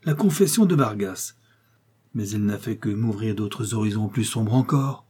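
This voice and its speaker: A man reading aloud gives voice to a troubled young nephew who presses hard with questions. His tone is dark and husky, and he sounds grave and insistent, straight from a spoken storybook. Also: on the low side, animated, normal speed. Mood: urgent.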